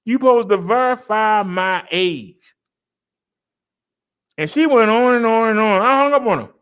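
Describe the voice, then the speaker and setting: A man's voice: high-pitched, lively intonation, a little slow, a bit bright, clean tone. A man in his fifties venting in a casual vlog, argumentative and repeating his points. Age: 50s. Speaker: vlogger. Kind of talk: casual ranting monologue.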